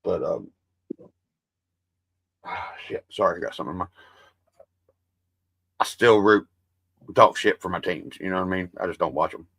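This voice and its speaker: Deep and gravelly with a breathy edge and a bit of brightness, this livestream host's voice moves at normal speed with long pauses. He chats casually with viewers, rambling and cursing, and calls his own voice soothing. The recording is dry.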